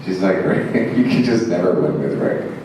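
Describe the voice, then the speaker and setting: A man's voice: low voice, lively intonation, normal speed, distant mic, noisy background. A man from Zimbabwe, an actor answering fan questions at a convention panel, rambling and self-mocking with frequent laughs and fillers. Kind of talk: convention Q&A storytelling. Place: large convention hall. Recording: echoey hall, mic heard from afar.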